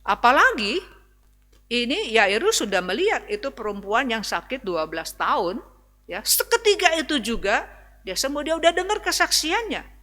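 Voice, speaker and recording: A woman pastor delivers a sermon in a casual, conversational manner and keeps turning to speak to her congregation. Her voice is bright and somewhat high. The sound carries a long reverb from the church hall. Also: big pitch swings, moderate pace. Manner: conversational preaching, often addressing the congregation as brothers and sisters.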